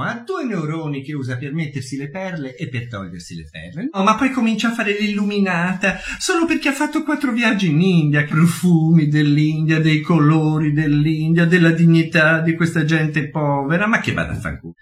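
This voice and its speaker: An actor playing a snobbish, catty, elderly upper-class woman who gossips and swoops theatrically through a comic sketch monologue. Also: fairly high pitch. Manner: gossipy, sharp-tongued, swooping.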